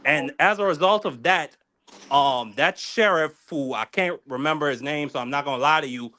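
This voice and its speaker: A man hosting a casual political commentary show, talking in an animated, profane way with many fillers and restarts. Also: a little high, moderate pace, noisy background. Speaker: host.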